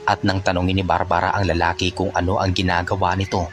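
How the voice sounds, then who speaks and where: A man narrating a folk tale in a steady, unhurried storytelling manner. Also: low voice, music in the background.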